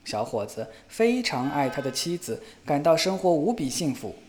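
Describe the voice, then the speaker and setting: Male fairy-tale narrator, expressive, slightly high voice. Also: moderate pace. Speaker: storyteller.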